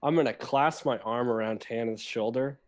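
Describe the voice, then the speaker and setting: A man's voice: mid-range voice, normal speed. A man playing a tabletop game, playfully describing his character's antics. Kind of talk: casual play narration.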